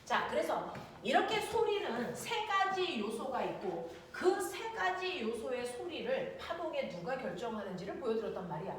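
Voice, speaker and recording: Female science teacher, highish animated voice, noisy recording. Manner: lively, checks in with students often. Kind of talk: classroom lecture. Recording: echoey room, distant mic, noisy.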